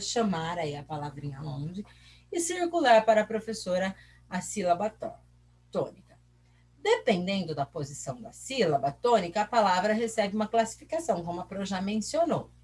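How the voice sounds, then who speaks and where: A mid-range, slightly rough voice with a little mellowness belongs to a Brazilian woman teacher in a recorded class. Her Brazilian Portuguese accent comes through as she explains, questions herself, answers, and stretches out her syllables.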